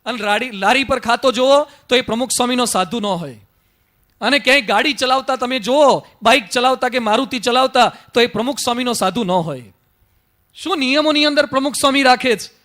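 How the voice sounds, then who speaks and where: A man's voice: extremely high pitch, a little fast, bright, forceful tone. A male monk giving a devotional sermon, emphatic and full of rhetorical questions. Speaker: monk preacher.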